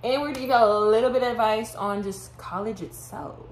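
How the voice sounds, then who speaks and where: A woman's voice: on the high side, fairly quick, roomy sound, slight background noise. A young woman from Houston, a college sophomore, chatting casually and candidly on her video with frequent laughs. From Houston, Texas. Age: young adult. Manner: laid-back, candid, laughs often. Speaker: vlogger. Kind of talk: casual chat.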